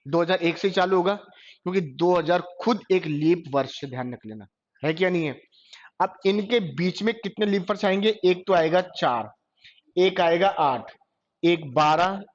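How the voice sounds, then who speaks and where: A male teacher, lecturing a classroom and asking questions that he then answers himself. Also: high voice. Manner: quizzes class, answers his own questions. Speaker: computer teacher. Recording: dull lo-fi classroom recording.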